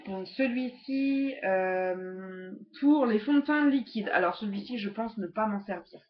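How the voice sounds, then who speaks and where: A woman's voice: mid-range voice, unhurried, highs cut off. A woman casually reviewing makeup brushes, hesitant and chatty with many fillers, recorded at home on a laptop webcam. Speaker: beauty vlogger.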